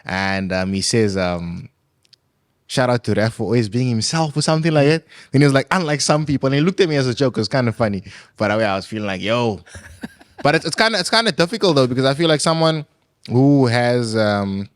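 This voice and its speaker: A man's voice: medium pitch, expressive, fairly quick, dry recording, studio quality. A young man from Congo with a Cape Town accent, hosting a casual podcast interview in an easygoing, slangy way. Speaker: podcast host. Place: podcast studio.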